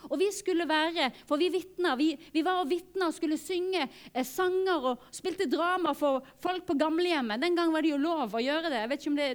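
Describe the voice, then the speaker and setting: A woman preaching a sermon as a guest speaker, telling stories earnestly and acting out the dialogue. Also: sits high. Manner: earnest, animated storytelling with acted-out dialogue. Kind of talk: sermon with storytelling.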